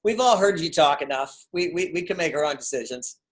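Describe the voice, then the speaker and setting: A man's voice: a little high, expressive, fairly quick, low-quality recording. A man hosting an interview, upbeat and enthusiastic, with a friendly manner. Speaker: host. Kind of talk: conversational interview.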